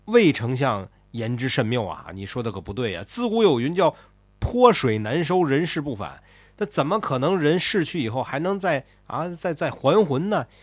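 A man's voice: medium pitch, big pitch swings, normal speed, slightly rough, no room sound. A man doing a scornful court official. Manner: scoffing, lecturing. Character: skeptical ancient male court official, scornful.

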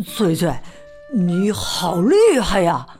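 A woman's voice: lowish voice, huge pitch swings, slow, faint music behind, voice pushed down, heavily acted. A woman voicing a rude, hungry male elephant who bullies and blusters in a storybook reading. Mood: dejected. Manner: gruff, bossy and loud.

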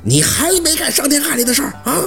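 A man voicing an enraged village husband who rants and shouts. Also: very high-pitched, very animated, quick pace, gravelly, faint music behind, voice pushed up, heavily acted. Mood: furious. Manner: shouting, ranting. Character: furious bellowing village husband.

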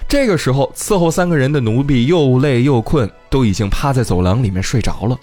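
A man's voice: mid-range voice, lively intonation, fairly quick, darkish tone, faint music behind. A man hosting a casual storytelling podcast, retelling a tale in a chatty way and speaking directly to listeners. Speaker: podcast host.

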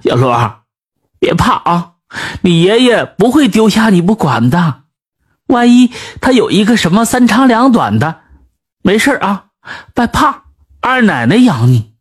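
A blunt, kind-hearted old village woman, as a male storyteller puts her on, outspoken and quick with a scolding word. Her voice is husky, with a lively pitch. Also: exaggerated voice. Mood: comforting.

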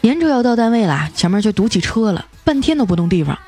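Young woman host, animated comic storyteller, middle pitch. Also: fast, soft background music. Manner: playful, punchline-driven delivery. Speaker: comedy podcast host.

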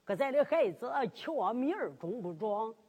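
A woman voicing a fussy old peasant wife in a drum-ballad story, speaking low and coaxing. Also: very animated, normal speed, mellow, husky, in a large hall.

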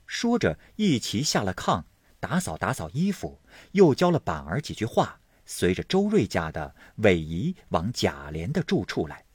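A man narrating a classic novel as an audiobook host, in a measured, expressive storytelling manner. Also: on the low side, slightly rough, dry recording. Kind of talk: serialized novel reading.

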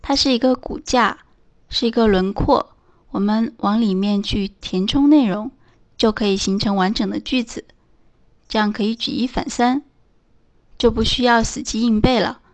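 A woman teaching English in a scripted lesson, reading out example phrases slowly and clearly. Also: fairly high pitch.

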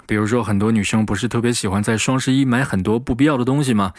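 A man gives an English lesson in a dry, close-sounding recording. He explains the phrases and drills them slowly, then repeats them at full speed. His voice sits at an ordinary middle pitch. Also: fairly even intonation, no echo. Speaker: English teacher.

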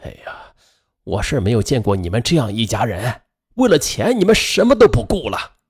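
A man's voice: mid-range voice, huge pitch swings, brisk, slightly rough. A man voicing an elderly uncle who sighs and scolds his quarrelling family. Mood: weary reproach. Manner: sighing, scolding. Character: elderly uncle, exasperated and disgusted.

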